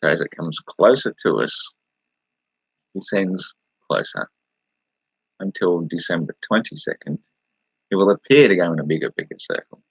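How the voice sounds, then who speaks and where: A man's voice: sits low, sing-song, moderate pace, gravelly, long pauses, husky, no echo, low-quality recording. An Australian man rambling casually on a livestream, answering viewers and laughing as he talks. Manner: rambling, laughing, talking back to chat.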